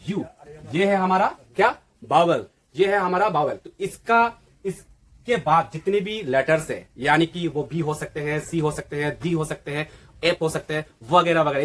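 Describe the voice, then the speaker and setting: A man with a slightly raised pitch and a husky edge gives a grammar lesson. He teaches step by step, asking the viewer a question and then answering it himself. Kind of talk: classroom-style lesson.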